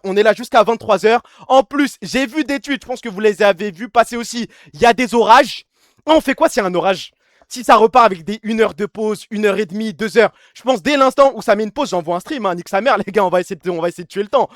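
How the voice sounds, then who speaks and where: A young man streaming live, talking in quick bursts of crude slang with a high voice. The sound is dry and close to the mic, with no room around it. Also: no room sound. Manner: fast, slangy, crude, laughs often. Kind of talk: casual live-stream chat.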